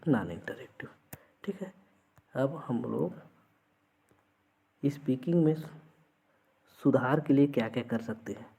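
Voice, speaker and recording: Teacher, mellow, lo-fi sound. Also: male voice, mid-range voice. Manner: explains with everyday examples, keeps checking understanding. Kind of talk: exam-prep lesson.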